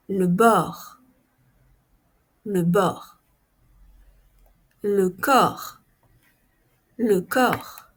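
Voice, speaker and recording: Woman, pronunciation teacher, extremely slow, breathy husky voice, repeats each word, direct to learners. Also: medium pitch. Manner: addresses learners directly, explains spelling. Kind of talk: pronunciation lesson.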